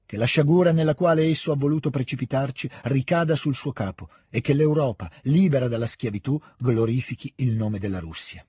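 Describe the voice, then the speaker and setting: A man's voice: mid-range voice, brisk, hardly any pauses, darkish tone, husky, no echo, clean studio sound. A man voicing a young woman who reads an official proclamation aloud in a solemn, declamatory way.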